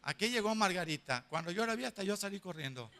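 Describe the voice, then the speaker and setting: A man with a Mexican accent, a pastor giving a sermon, telling lively, humorous stories and acting out the dialogue of the people in them. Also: sits high, fast. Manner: animated, acts out dialogue of the people in his stories.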